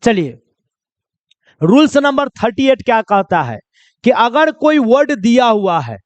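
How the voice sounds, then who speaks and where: A man's voice: extremely high pitch, very animated, a little slow, no room sound. A man teaching pronunciation rules in a classroom-style lesson, constantly quizzing his listeners with repeated questions and calling them children. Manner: drills with repeated quiz questions; addresses viewers as children.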